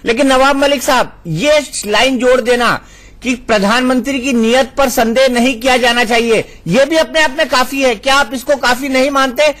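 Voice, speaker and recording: A man with a strikingly high voice moderates a television debate. He asks pointed, probing questions and presses his guests for answers. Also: fairly even intonation, normal speed, fairly bright tone. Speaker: news anchor.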